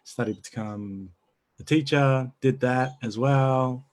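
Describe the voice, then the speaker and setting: A man's voice: mid-range voice, slow pace. A man in his thirties, born in New Zealand, a church pastor talking easily about his family and work in a casual interview. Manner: easygoing, laughs often. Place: home, video call.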